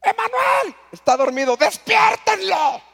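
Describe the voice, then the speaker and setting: A man with a Mexican accent voicing an angry father who yells at his son, recorded in a hall with long reverb. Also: animated, normal speed, natural voice. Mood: yelling. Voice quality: shrill, yelling. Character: angry shouting middle-aged father.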